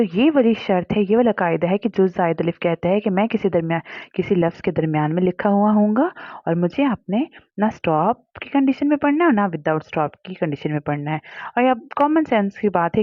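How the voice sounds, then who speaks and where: A woman's voice: medium pitch, no echo, phone-quality sound. Woman teacher patiently spelling out Arabic letters. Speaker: Quran reading teacher. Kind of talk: step-by-step spelling lesson.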